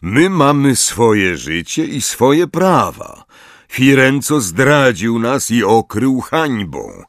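A proud centaur leader speaks slowly and solemnly , as a male narrator plays him. His measured, stern words rise and fall widely. The recording is dry and close. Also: medium pitch, sing-song, no room sound, pitched above the performer's own voice.

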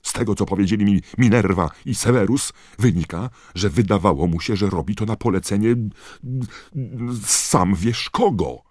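A man's voice: moderate pace, darkish tone, dry recording, studio quality, close to an everyday voice. A man voicing a blustering, panicked male minister of magic who roars in rage. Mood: furious shouting. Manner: roaring, shrill with rage.

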